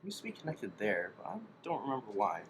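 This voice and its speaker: Very animated and fast, a medium-pitched man tinkers at an indoor workbench, showing a radio-to-amp conversion while thinking out loud in tentative snippets. The recording has clear room noise.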